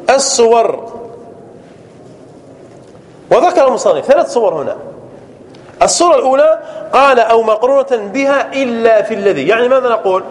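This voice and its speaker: High-voiced man teaching a grammar class. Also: slight background noise. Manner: explains step by step, checks understanding with frequent questions.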